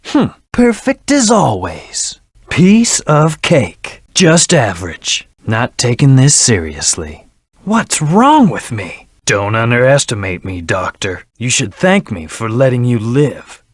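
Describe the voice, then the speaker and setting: Haughty, brooding Shadow the Hedgehog, dry recording. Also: male voice, medium pitch, huge pitch swings, husky, no room sound, full character voice. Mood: arrogant, defiant, then determined, intense. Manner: haughty, clipped, deliberate. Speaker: video game character. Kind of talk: video game voice lines.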